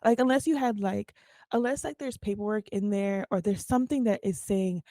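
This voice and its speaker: Young woman, mellow voice, chatty podcast cohost, laughs a lot, dry close mic. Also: medium pitch, a little fast, no echo. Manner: animated storyteller, laughs often. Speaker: podcast co-host. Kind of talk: casual chat.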